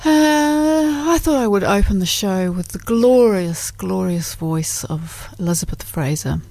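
A woman's voice: fairly low pitch, moderate pace, gravelly, mellow, no echo. A woman with a New Zealand accent hosting a radio music show in a casual, chatty, informal way. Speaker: radio host. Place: radio studio.

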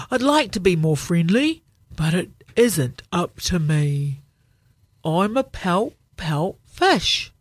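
A woman voicing a glum, gloomy male fish who mopes through a slow, sing-song refrain. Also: sits low, darkish tone, slightly rough, no room sound, full character voice.

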